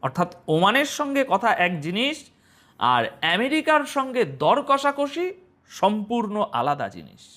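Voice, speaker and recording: A man's voice: very high voice, normal speed. A man presenting international news commentary, speaking straight to his viewers and asking them rhetorical questions. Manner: animated, rhetorical questions to the audience.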